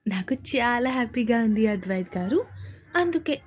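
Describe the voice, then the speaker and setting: A woman's voice: fairly high pitch, animated, moderate pace, natural voice. A woman voicing a bashful young wife who speaks shyly and hesitantly to her husband. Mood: happy. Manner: shy, hesitant, sweet.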